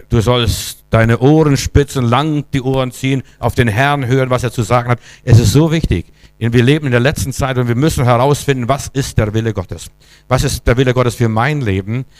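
Fervent German-speaking preacher, dry sound. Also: male voice, medium pitch, dry recording. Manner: fervent, swinging between loud exclamations and quiet questions. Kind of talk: charismatic sermon. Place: church hall.

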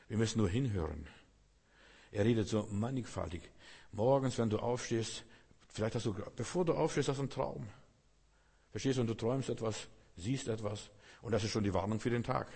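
A man's voice: medium pitch, husky. Emphatic preaching man in a reverberant hall. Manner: emphatic preaching, swings between loud and hushed. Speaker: pastor. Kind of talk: sermon. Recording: long reverb of a large hall.

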